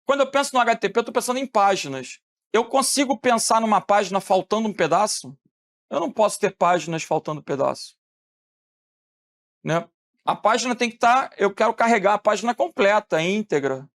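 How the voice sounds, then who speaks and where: A man from Rio de teaching a lively classroom lecture, asking the students questions and answering them himself. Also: high voice, fairly quick. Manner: animated, asks questions and answers them, acts out phone calls.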